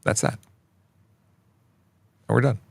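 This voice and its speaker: A middle-aged Canadian traffic police officer hosts a chatty livestream Q&A, reading viewer questions aloud and answering plainly. He takes his time, speaking into a close studio microphone with no room sound.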